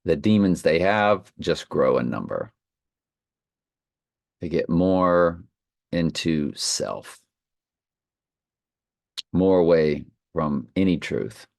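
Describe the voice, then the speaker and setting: Deep, slow man, mouth numb from the dentist. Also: expressive, creaky, a little mellow, dry recording, clean studio sound. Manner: slightly slurred speech. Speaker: online Bible study host. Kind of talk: informal Bible study, reading verses and commenting off the cuff.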